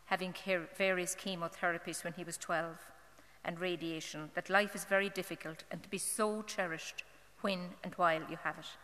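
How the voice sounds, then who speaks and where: A middle-aged Irish woman giving a personal testimony as a mother at a parish novena, earnest and halting, with fillers and restarts. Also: on the low side, a bit bright. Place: church. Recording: long church hall reverb.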